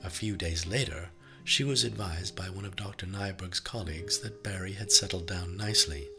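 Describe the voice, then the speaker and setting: A man reading an audiobook as its narrator, in an even, measured storytelling manner. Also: low-pitched, music in the background. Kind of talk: scripted narration.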